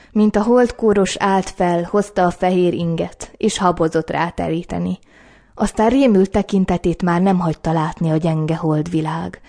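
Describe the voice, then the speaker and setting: A woman narrates an audiobook in calm, measured, scripted storytelling. Her voice sits fairly low. The timbre is warm and mellow.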